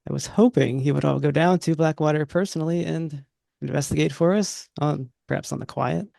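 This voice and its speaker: A man running a tabletop horror game, speaking for a university official in a relaxed, conversational way. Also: on the high side, fairly quick, vocal fry, no room sound, clean studio sound. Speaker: game master. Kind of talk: narrating and voicing characters in a tabletop game.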